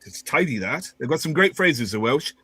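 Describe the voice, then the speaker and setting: A man's voice: mid-range voice, big pitch swings, normal speed, pushed and bright, slightly rough, dry recording. A man co-hosting a football watchalong, calling the play live with jokey asides. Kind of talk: excited live match commentary.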